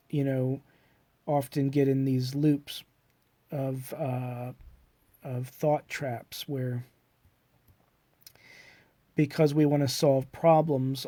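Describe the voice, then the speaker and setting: This self-published author, a middle-aged man whose cold leaves him congested, muses in a rambling personal monologue. His mid-range, dark voice comes through with no room sound, and his reflective talk hesitates, stalls on fillers, and restarts often.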